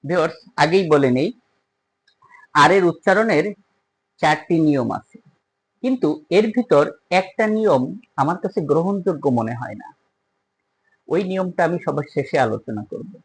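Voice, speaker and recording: Patient online teacher, mid-pitched, drills each rule by repeating it to the viewers. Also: lively intonation, normal speed, long pauses, breathy edge, rough recording. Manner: repetitive, patient, addresses viewers directly. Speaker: English teacher. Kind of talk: explaining pronunciation rules to viewers.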